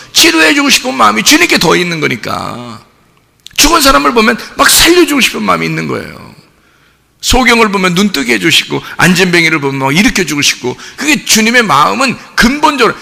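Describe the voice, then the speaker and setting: A male pastor giving a sermon in an animated, colloquial way, asking rhetorical questions. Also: high-pitched, vocal fry. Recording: long reverb of a church hall.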